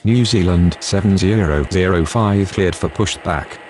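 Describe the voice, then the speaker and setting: In a game, a man with a low, unhurried voice plays the radio voice of air traffic control, a procedural male airport controller and pilot. His aviation phraseology is formal and clipped, and his mood is businesslike.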